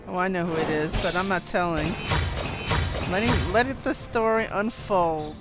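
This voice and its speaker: A woman's voice: lowish voice, normal speed. A woman hosting a let's play, giving casual, rambling gameplay commentary. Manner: rambling, chatty. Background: game music.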